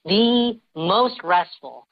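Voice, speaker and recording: A man's voice: high voice, lively intonation, no echo, muffled recording. A man calling in anonymously through a voice changer, telling a story casually with many hesitations. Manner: halting, many "like"s and restarts. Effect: voice changer disguising his voice. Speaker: anonymous caller.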